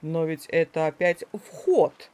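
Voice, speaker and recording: A woman voicing a calm, puzzled male boa constrictor in a low, slow, wondering voice.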